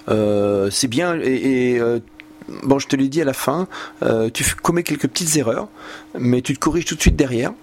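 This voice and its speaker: A man, a language teacher giving a student patient, encouraging spoken feedback with frequent hesitations. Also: mid-range voice.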